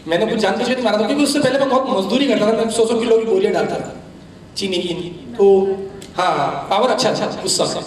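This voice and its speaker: Man, high voice, business trainer, candid storytelling talk, far from the mic, faint hum behind. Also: quick pace. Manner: candid, chatty, laughs at own anecdotes. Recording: very echoey hall, distant mic.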